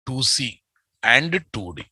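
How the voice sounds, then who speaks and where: A man with a Telugu Indian accent teaches programming in a bright, forceful voice. He goes slowly and repeats his phrases, often addressing the class informally. The sound is close and dry. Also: mid-range voice, big pitch swings, husky, no room sound. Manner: informal, repetitive, addressing students as guys and boss. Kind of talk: live lecture with repeated phrases.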